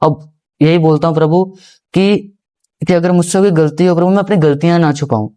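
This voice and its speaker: A man's voice: fairly high pitch, fairly quick, dark tone. Earnest young man telling his story. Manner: earnest, respectful, often addresses the host as guruji; rambling, with restarts and repeated phrases. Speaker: podcast guest. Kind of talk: casual first-person storytelling.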